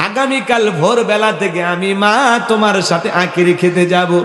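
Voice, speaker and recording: A man's voice: high voice, normal speed, soft background music. A man voicing a grieving, forgiving old mother who speaks in a sorrowful, pleading way. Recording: echoey hall over loudspeakers.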